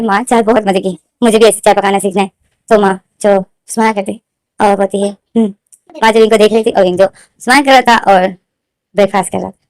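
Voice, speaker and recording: A woman's voice: darkish tone, no echo. A woman retelling her own fanfiction story in casual spoken form, repeating herself often and lifting her voice for quoted lines. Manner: repetitive, fillers, rises in pitch for quoted lines.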